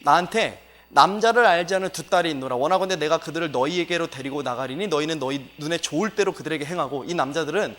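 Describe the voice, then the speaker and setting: A man's voice: fairly high pitch, fast, hardly any pauses, a bit bright, long reverb tail. A male pastor giving a sermon lecture, emphatic and exclaiming, with many filler words.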